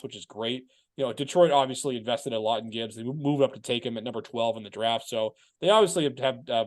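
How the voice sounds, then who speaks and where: A man from Massachusetts hosting a casual sports and fantasy football talk, chatting loosely with restarts. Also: medium pitch. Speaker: podcast host.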